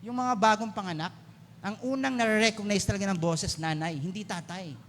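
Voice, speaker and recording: A man with a Filipino accent preaching a lively Mother's Day sermon to his congregation in a church hall, switching between Filipino and English and calling for applause and amens. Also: sits high, a little fast, a little hiss or hum. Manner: lively, mixes English into Filipino, asks the congregation to clap and say amen. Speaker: pastor.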